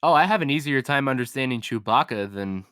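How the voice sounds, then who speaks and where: Smooth-voiced man hosting a podcast. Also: medium pitch, lively intonation, brisk, fairly bright tone, no room sound, studio quality. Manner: laughs often, asks the panel questions. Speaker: podcast host. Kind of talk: casual podcast chat.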